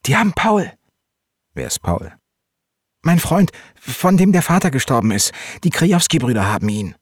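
A man voicing an excitable, fierce young teenage boy in a storybook reading. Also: lowish voice, unhurried, no room sound, clean studio sound, pitched above the performer's own voice. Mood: frantic.

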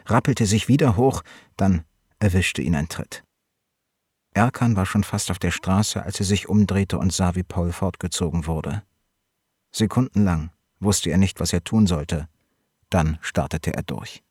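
A man reads a novel aloud in a steady, measured way, his voice very low and husky. The recording is close and dry, with no room around it. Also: no echo. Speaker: narrator. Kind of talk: audiobook reading of a novel.

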